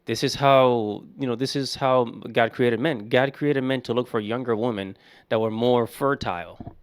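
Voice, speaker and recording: A man's voice: medium pitch, moderate pace, smooth, dry recording, clean studio sound. A man in his thirties giving casual, opinionated commentary, repeating his points with emphasis. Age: 30s. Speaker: commentator reacting to clips.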